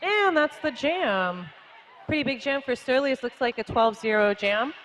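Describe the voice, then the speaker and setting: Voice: high voice, animated, measured pace, background noise. A roller derby commentator calling jams live in a chatty, casual way, with lots of fillers and easy laughter.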